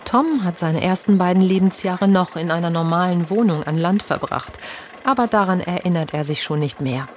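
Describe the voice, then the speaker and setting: A woman reading the scripted narration of a television documentary in a calm, even way. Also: on the low side, normal speed, slight background noise.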